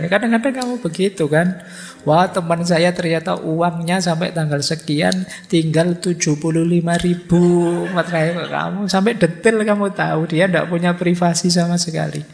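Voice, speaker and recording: A man lecturing in a relaxed, conversational way, acting out little quoted dialogues as he teaches. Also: on the high side, vocal fry. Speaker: Islamic philosophy lecturer. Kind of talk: relaxed lecture to a live audience.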